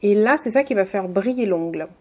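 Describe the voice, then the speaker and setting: A woman's voice: mid-range voice, expressive, brisk, darkish tone. A woman giving a casual beauty tutorial voice-over, friendly and hesitant, with many fillers and restarts. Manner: friendly, addresses viewers directly. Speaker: beauty vlogger.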